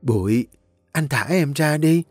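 A man's voice: on the high side, lively intonation, a little slow, no room sound, faint music behind, pitched above the performer's own voice. A man doing a timid, frightened young wife. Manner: hushed, timid.

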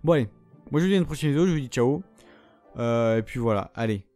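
A man's voice: mid-range voice, animated, fast, warm tone, dry recording, soft background music. A man hosting his own gaming video, giving casual commentary in an exasperated, sarcastic tone and swearing often. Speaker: gaming channel host.

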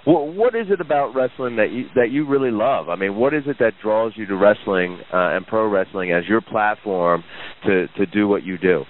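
A man's voice: on the low side, lively intonation, moderate pace. A man interviewing a guest conversationally, with admiring remarks and long, wordy questions. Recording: narrow, phone-like sound.

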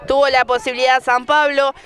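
A man's voice: extremely high pitch, little pitch movement, a little fast, a bit bright, slight background noise. A man giving live analysis as co-commentator at a football match.

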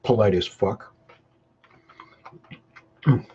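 Man, casual live-stream chat, chewing and humming, deep mellow voice, lo-fi webcam audio. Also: extremely slow. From Canada. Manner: chews and hums between short remarks. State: sweating from hot peppers. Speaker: hot sauce vlogger. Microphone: webcam mic. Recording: dull low-fi webcam audio with faint noise.

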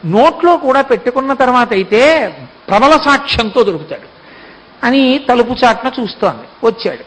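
A man giving a devotional discourse, telling a story with lively delivery and acting out the characters. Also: very high voice, normal speed, low-quality recording. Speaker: spiritual discourse speaker.

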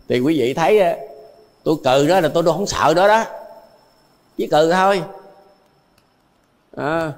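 An older Buddhist monk with a Southern Vietnamese accent gives a storytelling dharma talk, his voice pitched a little high for a man. He laughs softly between points and says key phrases twice over. His voice trails on in a long hall reverb. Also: moderate pace, pauses often. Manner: chuckles often while telling anecdotes; repeats phrases for emphasis.

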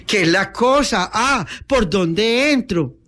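Man doing an easygoing young gentleman. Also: sits high, expressive, slow pace, pitched above the performer's own voice, exaggerated voice. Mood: puzzled.

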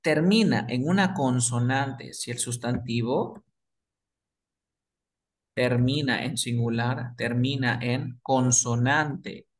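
Slow-spoken man teaching English basics. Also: medium pitch. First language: Spanish. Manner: repeats words slowly, asks and answers his own questions. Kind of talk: explaining grammar to beginners.

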